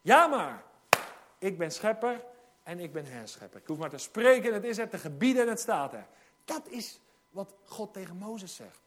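High-voiced man preaching urgently. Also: sing-song, normal speed. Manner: urgent, exhorting, quotes scripture with emphasis; dramatizes hesitant voices in hushed tone. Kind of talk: sermon.

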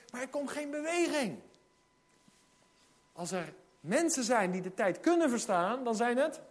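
A man preaching a sermon, urgent and exhorting, reading scripture with emphasis. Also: very high-pitched. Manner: dramatizes hesitant voices in hushed tone.

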